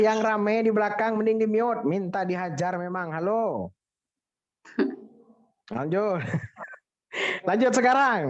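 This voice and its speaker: In an online class, a high-voiced man teaches English pronunciation playfully, teasing and drilling his students and exclaiming at their mistakes. The recording sounds muffled.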